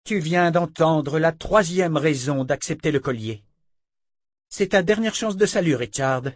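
A man's voice: fairly high pitch, lively intonation, a little slow, no room sound, clean studio sound, pitched above the performer's own voice. A man voicing a stern older woman sorceress who presses for an answer, firm and insistent, in an audiobook reading.

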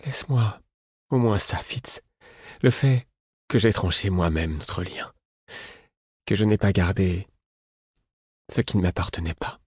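A frail male jester, as a man puts him on for an audiobook, his voice broken and trembling. He speaks in a hush, pitched well above the narrator's deep tone, with a husky edge. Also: measured pace, few pauses, no echo, clean studio sound. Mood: pleading.

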